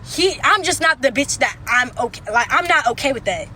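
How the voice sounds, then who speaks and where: A woman's voice: sits high, animated, a little fast, sharp tone, slight background noise. A young adult woman ranting on a livestream from a car, blunt and profane, circling back over the same points. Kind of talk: livestream rant. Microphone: phone.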